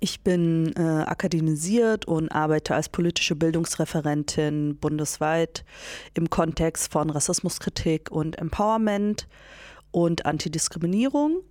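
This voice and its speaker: A woman's voice: low voice, a little slow, a little mellow, dry recording, clean studio sound. A woman introducing herself as an interview guest in a composed, matter-of-fact way. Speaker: guest, educator.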